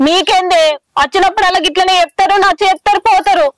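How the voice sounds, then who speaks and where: A woman's voice: very high-pitched, fairly even intonation, quick pace, no room sound, rough recording. A woman playing a young village wife worn down by her drunk husband, bitter and complaining, with a Telangana Telugu accent. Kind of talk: village short film drama.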